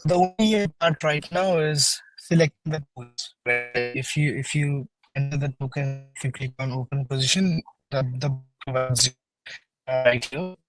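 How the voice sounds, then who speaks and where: A man's voice: medium pitch, unhurried, over music. Man on a glitchy, breaking-up video call. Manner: many fillers, repeated "right?" tags. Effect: glitchy call audio breaking up. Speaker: guest developer on a livestream. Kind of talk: casual explaining. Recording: choppy internet call audio, distant at times.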